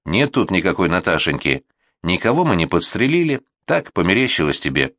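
A rough, scornful gang commander snarls out his orders, as a male reader puts him on. The voice sits very low but leaps around in pitch, and the recording is dry and close. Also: big pitch swings, fairly quick, a bit bright, no echo, exaggerated voice. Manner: growling, scornful.

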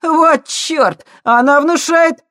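A brash, scruffy young crook mouths off at a pair of scholars in this audiobook scene, as a male narrator puts him on. His voice sits high and runs loud and cocky, in a dry, close recording. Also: takes it slowly, dry recording, exaggerated voice. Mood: mocking.

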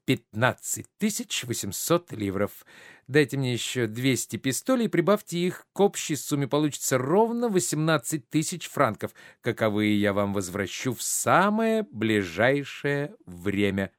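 A man's voice: mid-range voice, big pitch swings, unhurried, dry recording, studio quality. A man reading a stage play aloud, voicing a polished, ingratiating nobleman. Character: smooth-talking scheming nobleman.

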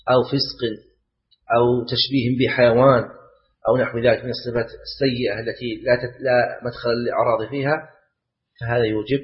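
Sheikh lecturing, repeating key phrases. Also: male voice, mid-range voice. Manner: repeats key phrases and asks the class rhetorical questions. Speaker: sheikh teaching Islamic law. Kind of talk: classroom lecture explaining a text. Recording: dull lo-fi lecture recording.

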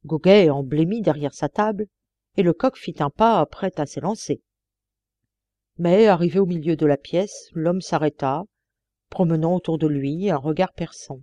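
A woman reading a classic novel aloud as an audiobook narrator, measured and expressive. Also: sits low, no echo, muffled recording. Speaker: audiobook reader. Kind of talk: scripted narration.

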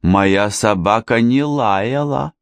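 A man's voice: mid-range voice, lively intonation, measured pace, no room sound, voice pushed up, close to an everyday voice. A man voicing a theatrical young woman who insists and pleads in a melodramatic way. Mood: insistent.

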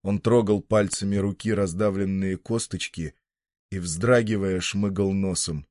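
Male narrator, low voice, measured storybook reading, dry. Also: steady tone, darkish tone, no room sound.

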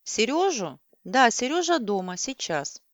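A woman putting on a loud, creaky old woman on the phone. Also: on the high side, big pitch swings, measured pace, no room sound, voice pushed up. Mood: loud confused. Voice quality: creaky, shouting.

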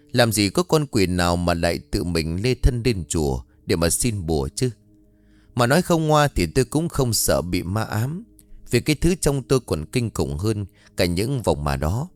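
Low-voiced male horror storyteller. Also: dry recording. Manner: dramatic storyteller. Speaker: narrator.

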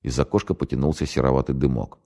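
Man, extremely deep voice, audiobook narration, measured, dramatic. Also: steady tone, dark tone.

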